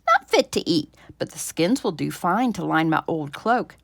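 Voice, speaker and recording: Storybook farmer's wife, elderly, played by a female reader: impatient, sharp-tongued, exclaiming with big swoops. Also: fairly low pitch, sing-song, moderate pace, creaky, no echo, studio quality, heavily acted. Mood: scornful.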